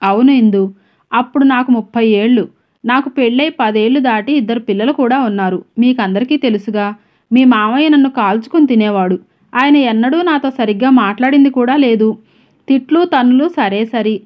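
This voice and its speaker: A woman voicing a gentle, long-suffering middle-aged housewife who confesses in a sorrowful way. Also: fairly high pitch, moderate pace, natural voice. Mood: sorrowful confessing. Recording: dull lo-fi recording.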